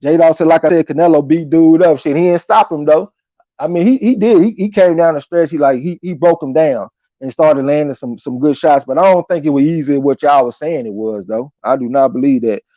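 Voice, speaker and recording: Mellow, slangy man hosting a boxing stream. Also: a little high, brisk, no room sound. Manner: slangy, profane, conversational. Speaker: live stream boxing commentator and host. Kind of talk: casual live chat commentary, reading viewer comments aloud. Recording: dull lo-fi audio.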